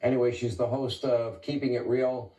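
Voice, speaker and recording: A man hosting a broadcast interview, introducing his guest and pressing her with brisk, leading questions. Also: medium pitch, steady tone, dark tone, reverberant, far from the mic, poor audio. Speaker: talk show host.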